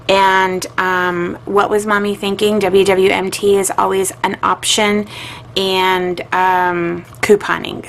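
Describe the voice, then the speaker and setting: A woman's voice: mid-range voice, fairly bright tone, slight background noise, poor audio. Chatty mom talking through her budget. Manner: chatty, musing aloud with filler words. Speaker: budgeting vlogger. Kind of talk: casual chat while budgeting.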